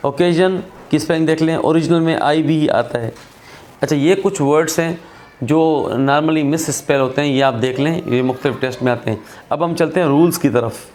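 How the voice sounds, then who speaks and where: A man's voice: fairly high pitch, normal speed, darkish tone, a little hiss or hum. A man teaching English spelling rules in a recorded lesson, patient and repetitive, often checking in with his viewers. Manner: patient, repeats points, checks in with "theek hai".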